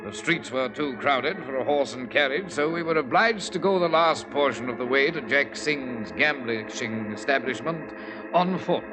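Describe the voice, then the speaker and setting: A man's voice: medium pitch, lively intonation, moderate pace, loud music behind the voice, lightly acted, rough recording. An actor playing a bluff, good-natured male doctor who also narrates, in a 1940s radio drama. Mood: bluff, hearty. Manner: bluff, hearty, exclamatory. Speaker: narrator of the story.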